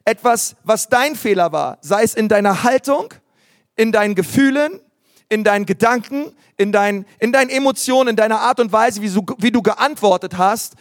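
A man preaching a sermon, emphatic and animated, with repetitions and acted asides to the congregation. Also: high voice, moderate pace, dry recording, clean studio sound. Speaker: pastor.

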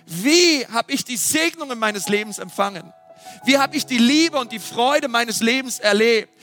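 A man giving a lively, emphatic sermon with dramatic questions. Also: extremely high pitch, normal speed, soft background music. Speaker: preacher.

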